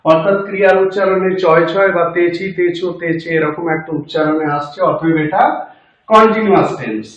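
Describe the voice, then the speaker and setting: Guy teaching grammar real slow, breaks it down bit by bit, super echoey room. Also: high voice, dull audio. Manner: slow, step-by-step explaining with fillers. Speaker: English teacher. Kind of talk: grammar lesson.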